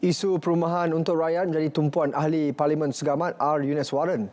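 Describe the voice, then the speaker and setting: A man's voice: on the high side, level tone, brisk, darkish tone. A man reading parliamentary news in a formal studio newsreader delivery. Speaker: news presenter.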